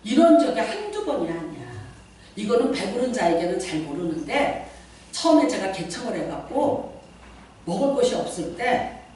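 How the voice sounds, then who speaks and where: A middle-aged woman pastor preaching a lively sermon, often asking the congregation questions. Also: on the high side, moderate pace, a little hiss or hum. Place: church sanctuary. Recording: very echoey church hall, mic at a distance.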